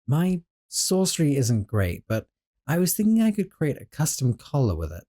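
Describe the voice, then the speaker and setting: A man voices a doting young sorcerer roommate in an audio roleplay, speaking gently and fondly. He is soft-spoken and a little flustered, and his mellow, somewhat high voice swings up and down in lively fashion at a moderate pace.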